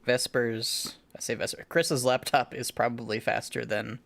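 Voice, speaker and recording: A man's voice: medium pitch, flat delivery, moderate pace, creaky, fairly bright tone, a little hiss or hum. Man running a tabletop game. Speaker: game master. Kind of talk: improvised narration of a tabletop role-playing game.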